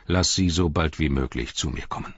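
Male reader doing an aged warrior king for a storybook, very low and husky, grave and weary. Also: moderate pace, no room sound, highs cut off.

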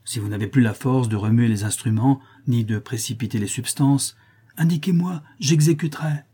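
A man with a mid-range, dark, slightly breathy natural voice reads at normal speed, playing an alchemist's fervent, greedy young male disciple. He pleads in a feverish, imploring way, sounding eager, as a character in an audiobook.

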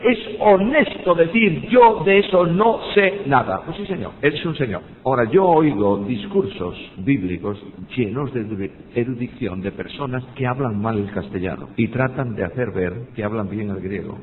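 A man's voice: animated, normal speed, hardly any pauses. Man, Spain Spanish accent, older, Bible teacher, emphatic, rhetorical questions, tinny phone-like sound, long echo. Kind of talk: teaching on preaching, with personal anecdotes. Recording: tinny phone-like audio with long hall reverb and faint rumble.

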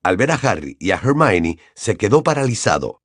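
A man reads a story aloud with expressive, storytelling delivery. His pitch swings widely through each sentence. The sound is dry and close, with no room around it. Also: moderate pace, breathy edge, no room sound. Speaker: audiobook narrator. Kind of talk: scripted narration.

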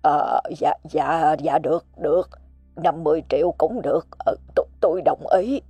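A woman's voice: deep voice, normal speed, warm tone, slightly rough, no room sound, faint music behind. A woman voicing a poor, frightened elderly father who stammers and begs. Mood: broken. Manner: stammering, pleading.

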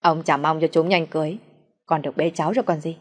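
A woman with a low voice reading the lines of an angry middle-aged mother who scolds her son. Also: fairly even intonation, fast talker. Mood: nagging.

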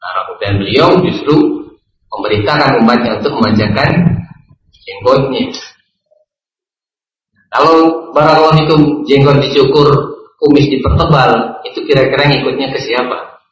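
A man giving a religious lecture, asking and answering his own questions and repeating a set blessing between phrases. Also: medium pitch. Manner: repeats a set blessing, slow pauses, asks and answers himself. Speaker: preacher. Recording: roomy, dull lo-fi recording.

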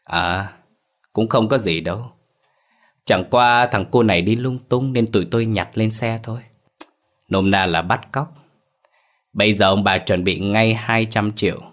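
A man's voice: on the low side, fairly even intonation, unhurried, pauses often, a bit bright. A man voicing a cold, sneering male kidnapper who makes threats. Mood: menacing.

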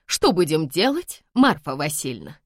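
A fussing, superstitious old housekeeper, voiced by a woman in a storybook reading. She clucks and worries emphatically. The voice sits low and is recorded dry and close. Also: very animated, moderate pace, dry recording. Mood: fretting.

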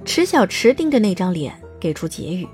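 A woman's voice: medium pitch, sing-song, brisk, darkish tone, faint music behind. A woman reading scripted narration as the narrator of a dramatised audiobook.

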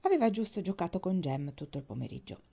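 A woman narrating an audiobook in an expressive storytelling manner. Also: on the low side, fast talker, gravelly, breathy edge. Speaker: audiobook reader. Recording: dull lo-fi recording.

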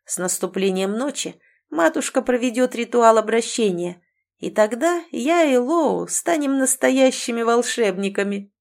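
A woman voicing a big, scarred male bandit who talks in a slow, sneering, taunting way. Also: fairly high pitch, lively intonation, gravelly, a little mellow, pitched above the performer's own voice. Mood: menacing.

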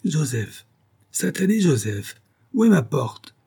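A man reading aloud voices an irascible elderly professor who snaps commands and questions in a husky, mellow voice. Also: a little high, lively intonation, a little slow, pitched above the performer's own voice. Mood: demanding. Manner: imperious, snapping questions. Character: irascible elderly male professor, gruff and demanding.

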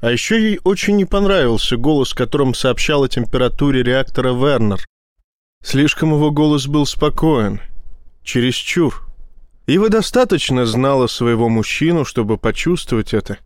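A man reading a tense science fiction audiobook in a steady storytelling voice. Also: medium pitch, moderate pace, dry recording, clean studio sound. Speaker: audiobook narrator. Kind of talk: scripted narration.

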